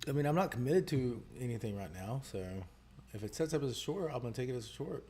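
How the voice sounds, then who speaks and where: A man co-hosting a live trading stream, chatting casually and thinking out loud in relaxed banter. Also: medium pitch, fast, a little hiss or hum. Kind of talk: casual chat while trading.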